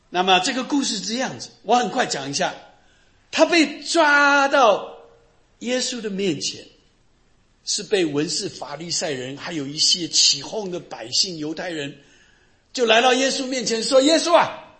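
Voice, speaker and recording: A middle-aged man preaching a sermon with a high, bright voice. His pitch swings widely as he tells Bible stories with animation, acting out the people in them. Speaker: pastor.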